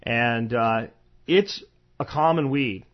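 Recorded in dull, slightly muffled lo-fi sound, a mid-pitched American man with roots in Florida and Pennsylvania in the eastern U.S. talks slowly on his solo podcast about medicinal plants. His style is relaxed and conversational, drifting into personal tangents while he explains.

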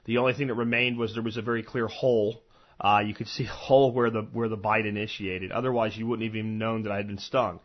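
A man's voice: fairly low pitch, fairly even intonation, fast talker. An American man hosting a podcast solo, talking informally and conversationally, rambling through asides and personal recollections. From eastern United States, Florida and Pennsylvania. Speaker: podcast host. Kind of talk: informal solo podcast talk on medicinal plants. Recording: dull, lo-fi podcast audio.

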